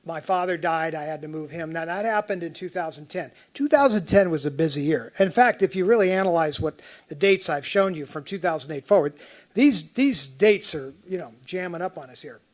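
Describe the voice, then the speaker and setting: A man's voice: on the high side, brisk. Man rambling through hearing testimony. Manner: rambling and conversational, often restarting sentences. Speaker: taxpayer appellant testifying at a tax appeal hearing. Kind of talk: spoken testimony walking through slides.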